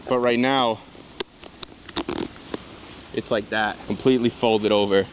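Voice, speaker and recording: A man vlogging at an outdoor skate spot in a casual, chatty way. He spurs himself on between attempts and swears freely when he misses. Faint street noise sits behind his voice. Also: lowish voice. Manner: self-encouraging, swears when tricks fail. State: out of breath after skating. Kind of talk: casual vlog commentary.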